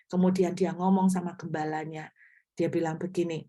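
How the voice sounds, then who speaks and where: Low, mellow-voiced woman pastor preaching. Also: little pitch movement, moderate pace. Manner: conversational, asks the congregation questions. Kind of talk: sermon.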